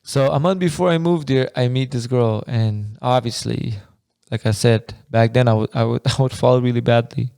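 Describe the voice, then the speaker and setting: A man's voice: mid-range voice, moderate pace, gravelly, few pauses, dark tone, dry recording, clean studio sound. A man in his twenties, from Afghanistan, co-hosting a podcast in casual chat, laughing often and telling stories in loose slang. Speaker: podcast co-host.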